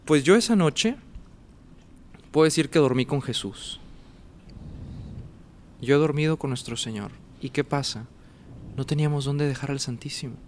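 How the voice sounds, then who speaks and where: A man's voice: a little high, moderate pace, long pauses, slight background noise. A man, casually telling a personal story as a guest and acting out the dialogue and sounds. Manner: animated, acts out dialogue and sounds.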